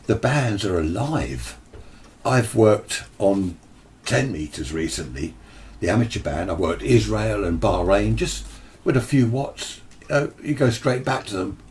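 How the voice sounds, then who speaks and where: In an amateur radio hobby video, a British man offers an informal explainer full of opinions, voicing imagined replies along the way. His voice is fairly low with a darkish tone, and he's animated yet unhurried in a conversational style.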